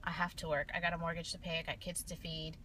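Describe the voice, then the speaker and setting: Speaking quickly in a deep, flat, sharp voice, a late-thirties nurse vlogger chats and vents in a rambling, casual manner. She's in a parked car in daytime, recorded on a phone at arm's length with car interior noise.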